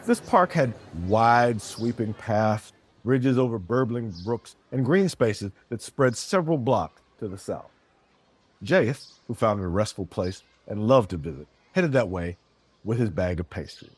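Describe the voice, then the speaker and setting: A man narrating a fantasy story in a steady, descriptive way. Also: on the low side, measured pace, slightly rough, dry recording.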